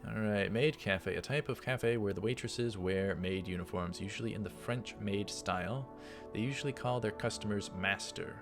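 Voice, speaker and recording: With game music in the background, a man with a fairly low voice reads visual novel text for a let's play at normal speed with hardly any pauses. He drops in casual side remarks as he goes.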